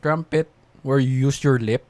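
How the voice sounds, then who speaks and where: A man's voice: mid-range voice, moderate pace, a little mellow. A man from the Philippines hosting a beatbox reaction video, exclaiming, laughing and swearing in disbelief as he reacts. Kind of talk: excited reaction commentary.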